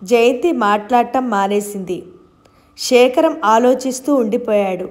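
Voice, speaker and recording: A woman narrating a serialized novel aloud in a calm, measured storytelling way. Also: on the high side. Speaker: audiobook narrator.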